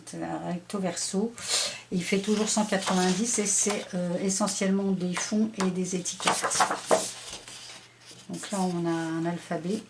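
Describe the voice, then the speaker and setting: Middle-aged lady showing off her craft papers, lowish voice, lots of um and uh, noisy background. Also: fairly even intonation, unhurried. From France. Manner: chatty, hesitant, many fillers. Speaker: scrapbooking vlogger. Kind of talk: casual haul show-and-tell.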